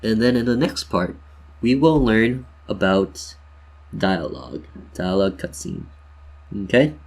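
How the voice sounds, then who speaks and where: A man with a fairly low, somewhat mellow voice hosts a tutorial at a measured pace, sounding expressive throughout. He keeps things casual and playful, cracking jokes and calling viewers "you guys" as he chats them through every step of his screen-share.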